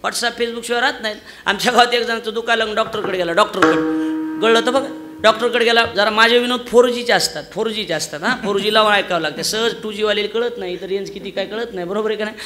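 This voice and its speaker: A man preaching a comic devotional sermon on stage, loudly acting out the voices of villagers in his stories. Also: high voice, fast talker. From Maharashtra, India. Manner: loud, animated storytelling, acting out villagers' voices. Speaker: kirtan preacher.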